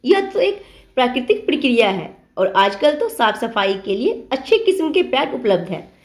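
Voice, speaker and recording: A woman doing a young, outspoken bride. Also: a little high. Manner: calm, arguing, questioning. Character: young, outspoken, reasoning daughter-in-law.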